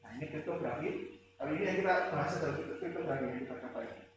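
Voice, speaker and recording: A man's voice: fairly high pitch, quick pace. A male lecturer giving a conversational classroom lecture, rambling with fillers and rhetorical questions, with a slight tinge. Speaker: university lecturer. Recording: echoey room with faint ambient noise.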